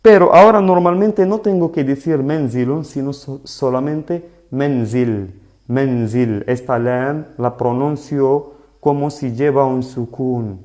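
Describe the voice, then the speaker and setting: Slow, patient man. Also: mid-range voice, darkish tone. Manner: slow, patient explaining with frequent "¿vale?" checks. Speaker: Arabic teacher. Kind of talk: live online language lesson.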